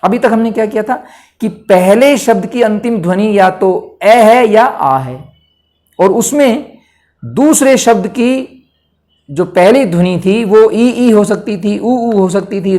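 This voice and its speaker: A man's voice: high voice, expressive, slow, mellow. A man teaching a grammar lesson for exam preparation, patiently explaining step by step and asking the listener questions as he goes.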